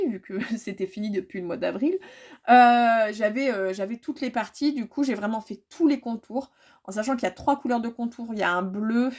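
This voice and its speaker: A woman chatting casually to her viewers about her cross-stitch projects, full of fillers and repeated words. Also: mid-range voice.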